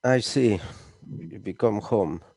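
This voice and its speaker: Man, middle-aged, interviewer, slow, mellow tone, lots of uhs. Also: fairly low pitch, no room sound, studio quality. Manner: halting, filler-heavy delivery. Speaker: interview host. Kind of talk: interview introduction and questions.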